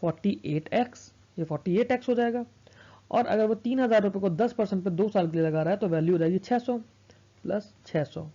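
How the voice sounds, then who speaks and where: A man's voice: high voice, fairly quick, warm tone, muffled recording. A man teaching an exam math lesson in a mix of Hindi and English, working sums aloud and answering his own questions. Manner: works sums aloud, asks and answers himself.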